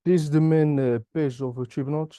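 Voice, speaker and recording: Halting, dark-voiced man from Morocco. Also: on the high side, steady tone, no echo. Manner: halting non-native English, many "uh" pauses. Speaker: software engineering graduate. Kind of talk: interview answers and product demo.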